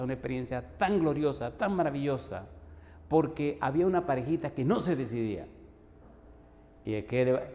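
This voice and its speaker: A male pastor, telling a personal story in a sermon and acting out the dialogue. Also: medium pitch. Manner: animated storyteller, acts out the dialogue. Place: church hall. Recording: long echo of a church hall.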